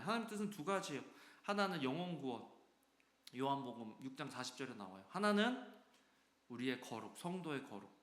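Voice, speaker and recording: A man preaching a sermon as pastor, lively and acting out quoted voices with sudden swings between loud and soft. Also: mid-range voice. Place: church sanctuary. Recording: echoey church hall.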